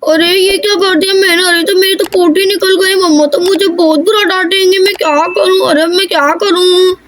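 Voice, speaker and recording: A woman's voice: very high voice, steady tone, moderate pace, slight background noise. A woman voicing a young girl in a cartoon, whining and complaining. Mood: whiny.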